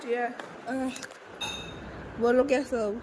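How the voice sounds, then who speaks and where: Young woman vlogger, high-pitched, hoarse, rambling chat, phone held in hand, noisy household behind. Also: steady tone, slow pace. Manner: chatty, rambling, fills with "theek hai" and "hai na". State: hoarse from a sore throat. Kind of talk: casual vlog chat. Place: home, preparing a family ceremony. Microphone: handheld phone.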